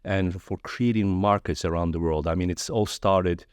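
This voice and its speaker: A friendly man from Turkey in his forties speaks as a podcast guest with a very low, deep voice. The sound is dry and close to the mic, with no room around it. He talks in a relaxed, conversational way. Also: moderate pace, clean tone, no room sound. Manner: friendly, storytelling with animated quoted voices. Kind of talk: casual interview conversation.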